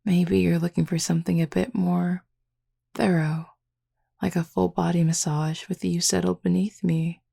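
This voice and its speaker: Heavily acted, this intimate audio roleplay has a woman voicing a confident, flirtatious she-wolf. She speaks at a moderate pace in a fairly low, dark, husky and gravelly voice that barely varies in pitch, drawling and teasing with playful authority.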